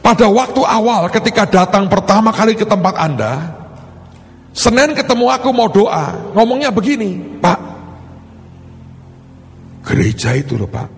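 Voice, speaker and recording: A male pastor, preaching a sermon and acting out both sides of a conversation as he tells a story. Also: sits high. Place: large church hall. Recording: hall reverb with faint music.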